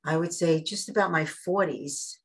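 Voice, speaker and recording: A woman's voice: sits low, moderate pace. A woman in her seventies, hosting a show and speaking earnestly about her own life in a casual chat. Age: 70s. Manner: earnest, reflective, laughs easily.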